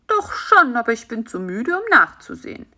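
A woman voicing a tired, stingy and lonely male spider in a children's story, in a sulky, drawn-out way. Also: fairly high pitch, big pitch swings, bright, forceful tone, heavily acted. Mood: sleepy.

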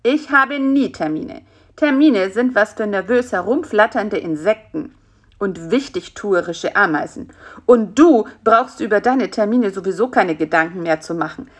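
A woman's voice: mid-range voice, animated, a little slow. A woman voicing a grumpy, lazy male spider in a storybook reading, grumbling and dismissive. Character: grumpy, lazy male spider who wants his nap.

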